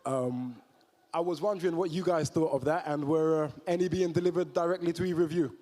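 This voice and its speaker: A man's voice: on the high side, steady tone, fairly quick, background noise. A man journalist politely asking a slightly playful press conference question.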